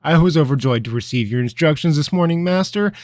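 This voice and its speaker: Earnest young apprentice, read by a man, a touch higher than the narration, hesitant and polite. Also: lively intonation, quick pace, a little mellow, no echo, studio quality, close to an everyday voice. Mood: deferential. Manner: hesitant, stammering, deferential. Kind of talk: storybook character voice.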